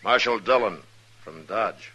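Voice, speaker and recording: An actor playing a firm, fair frontier marshal in an old-time radio western, speaking plainly and with authority. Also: male voice, lowish voice, measured pace, pushed and bright, breathy edge, heavily acted. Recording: noisy vintage radio recording.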